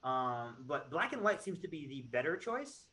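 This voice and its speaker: Lively animated podcast host. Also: medium pitch, normal speed, crowd noise. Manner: enthusiastic, talks in long run-on turns. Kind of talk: casual film discussion.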